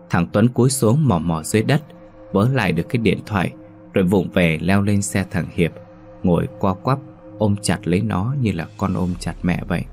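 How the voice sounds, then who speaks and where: A man narrating a ghost story dramatically and acting out each character. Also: low-pitched.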